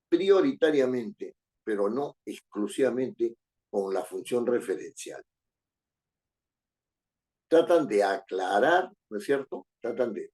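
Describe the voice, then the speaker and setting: A man's voice: mid-range voice, dark tone. A man with a Peruvian Spanish accent lecturing a class, often tagging his sentences with rhetorical questions and repeating phrases. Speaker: teacher.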